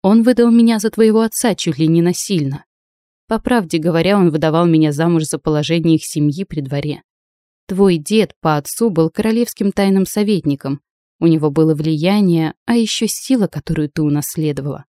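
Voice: mid-range voice, mellow, no room sound, close to an everyday voice. A reader voicing a noblewoman mother who talks in an agitated, indignant way, in a dry close recording. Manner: agitated, quick to outrage.

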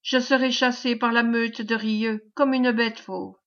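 A woman reading an audiobook, voicing a frightened but brave young woman who pleads in anxious, hushed tones. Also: on the high side, little pitch movement, unhurried. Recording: dull lo-fi recording.

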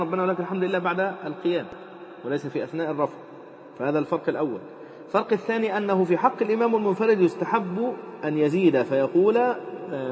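Fast-talking man teaching in a hall. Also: a little high, darkish tone, a little hiss or hum. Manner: rapid, repeats and quotes phrases, frequent fillers. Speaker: Islamic jurisprudence teacher. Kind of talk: explaining a legal text. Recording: dull lecture recording with long reverb.

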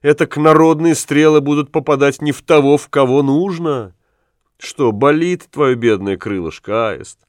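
A man reading an audiobook, voicing a kind-hearted peasant mother who speaks softly and coaxingly, lifting his pitch a little for her. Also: lively intonation, a little slow, dry recording, studio quality.

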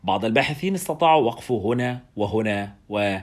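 A man's voice: fairly low pitch, expressive, fast, lightly acted. A man doing a wry, guarded lab doctor. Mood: casual. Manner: casual, dryly sarcastic.

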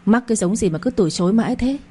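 A woman's voice: mid-range voice, moderate pace, mellow, breathy edge, lightly acted. A woman voicing a blunt, bossy older neighbor in an audio story, speaking in a brusque, scolding way.

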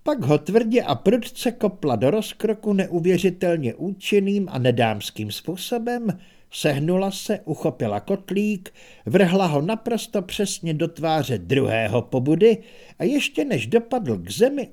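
A man reading a comic fantasy audiobook in a wry, expressive storytelling manner. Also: sits high. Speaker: audiobook narrator. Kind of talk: scripted narration.

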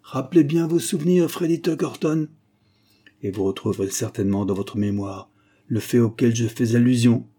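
A man voicing a menacing masked male avenger, hoarse, hissing and imperious as he makes his threats. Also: medium pitch, moderate pace, mellow, close to an everyday voice.

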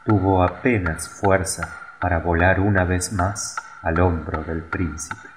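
Slow, deep-voiced male storyteller. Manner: slow, measured, expressive reading. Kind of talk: scripted storybook narration. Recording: noisy recording with clicks.

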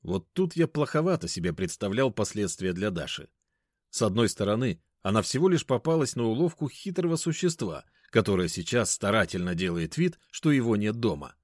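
Low-voiced guy reading a story, bouncy intonation, dry close sound. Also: sing-song, brisk, darkish tone, no echo. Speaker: narrator. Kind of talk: first-person audiobook narration.

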